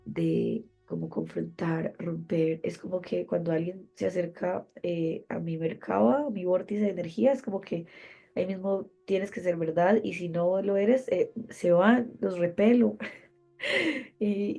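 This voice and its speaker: A woman's voice: lowish voice, measured pace, gravelly, warm tone, husky, soft background music. A woman with a nasal, blocked-nose voice gives a spiritual motivational monologue as a podcast host, speaking in emphatic, repeated phrases.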